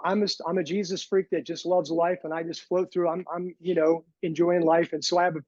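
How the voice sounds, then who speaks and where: A man with a notably high voice talks through his story in a relaxed, lighthearted way, with a quirky streak in his humor. He sounds middle-aged. The sound is dry and muffled, as if recorded on a lo-fi line. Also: brisk, no echo. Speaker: podcast guest, former bodybuilder. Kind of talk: casual storytelling interview. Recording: dull lo-fi sound.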